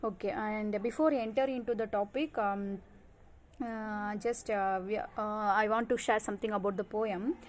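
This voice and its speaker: A woman's voice: medium pitch, fairly even intonation, moderate pace, slight background noise. A woman teacher giving a recorded class, repeating each point with many "okay" and "uh" fillers. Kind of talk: online class lecture.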